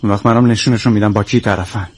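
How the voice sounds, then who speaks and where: A man's voice: lowish voice, fairly even intonation, slightly rough. An actor dubbing a headstrong male filmmaker who talks back defiantly. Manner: defiant, stubborn. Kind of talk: dubbed film acting.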